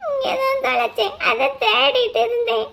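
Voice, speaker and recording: A woman's voice: extremely high pitch, steady tone, normal speed, vocal fry, a crowd in the background, full character voice. A woman voicing a naive, tearful young bride-to-be in a cartoon, with a whiny, pleading way of talking. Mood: timid.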